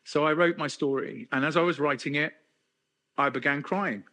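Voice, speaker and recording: A man's voice: on the high side, normal speed, sharp tone. A middle-aged man from England giving a candid personal testimony at a men's conference, with self-deprecating humor. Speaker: conference speaker.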